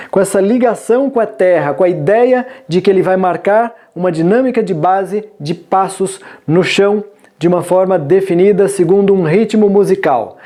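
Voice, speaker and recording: Dark-voiced male forró teacher. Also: high-pitched. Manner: measured, explanatory, sings short lyric lines to demonstrate counting. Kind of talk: instructional video lesson.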